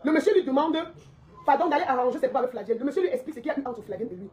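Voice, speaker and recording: A woman's voice: high-pitched, expressive, very fast, a little mellow. A woman delivering a heated, confrontational social media rant, repeating her points and laughing mockingly.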